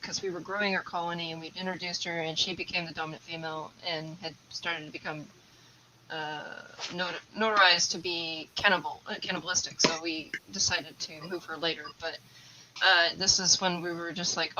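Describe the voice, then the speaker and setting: Appearing on a live stream through a video call, a tarantula keeper whose first language is English talks casually and goes into long explanations. She has a lowish voice, and the background is noisy.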